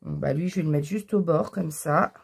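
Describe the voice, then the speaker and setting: A woman's voice: sits low, normal speed, gravelly, slight background noise. A woman hosting a casual craft tutorial, explaining each step while she works, with frequent fillers. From France.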